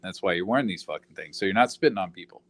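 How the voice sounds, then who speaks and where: Low voiced guy ranting, swears a lot, rambles, dry close sound. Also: animated, rapid-fire, no room sound. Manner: profane, rambling, heavy fillers. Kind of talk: casual ranting monologue.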